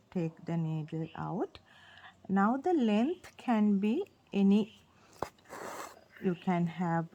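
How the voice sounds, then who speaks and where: Sri Lankan woman teaching, lively pitch swings. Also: muffled recording, slight background noise. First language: Sinhala. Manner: simple step-by-step explaining, repeats phrases. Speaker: craft tutorial host. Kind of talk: informal instructional demonstration.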